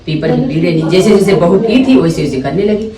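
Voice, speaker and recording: A woman's voice: lowish voice, quick pace. Woman telling a folk tale, distant, echoey. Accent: Uttar Pradesh Hindi. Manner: animated, repetitive oral storytelling. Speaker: storyteller. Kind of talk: telling a devotional folk story. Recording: roomy, distant phone recording with chatter.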